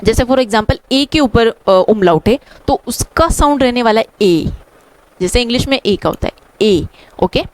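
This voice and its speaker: A woman with an Indian accent teaches the alphabet letter by letter, patiently repeating each sound. Her voice sits a little high. It is recorded close and dry, with no room sound. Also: lively intonation, measured pace, no room sound. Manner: patient, repeats each answer with "thik hai". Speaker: language teacher.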